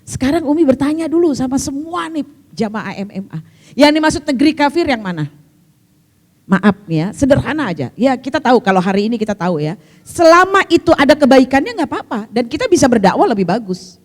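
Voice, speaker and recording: An older woman teaching a women's religious study group, her voice high and lively. She tells stories, acts out the people in them and laughs along the way. The sound carries a long reverberant hall tail. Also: brisk. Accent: Indonesian.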